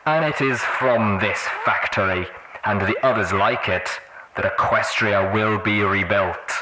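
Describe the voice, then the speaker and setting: A man voicing a grandiose pony warlord, delivering a measured, rhetorical propaganda speech in an audio drama radio broadcast. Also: on the low side, noisy background. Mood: stirring, resolute. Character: Red Eye, grandiose male pony warlord orator.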